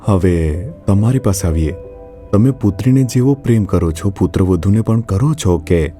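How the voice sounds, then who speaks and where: A man preaches and then leads the listeners in prayer, his lines earnest and pleading. His voice sits low and sounds very dark and mellow. Faint music plays underneath him. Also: expressive, normal speed. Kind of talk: sermon with led prayer.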